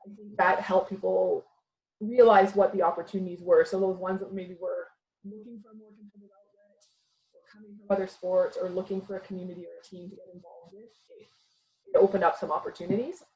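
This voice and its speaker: A woman's voice: fairly low pitch, brisk, reverberant, low-quality recording. Woman on glitchy, cutting-out call audio. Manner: relaxed, with many "um" fillers. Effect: glitchy video-call audio that cuts out. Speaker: panelist. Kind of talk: casual panel talk. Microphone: computer mic on a video call.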